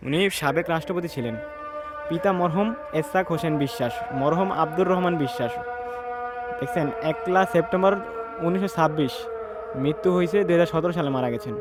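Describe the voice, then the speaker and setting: A man gives a hushed, reflective walking tour of an outdoor graveyard, pausing to read the graves aloud. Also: fairly high pitch. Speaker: vlogger. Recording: outdoor ambience noise.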